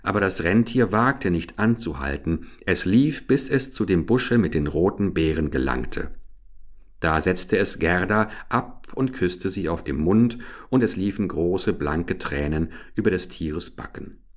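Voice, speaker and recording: A man narrating a fairy tale in a slow, deliberate storytelling manner. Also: low-pitched, expressive.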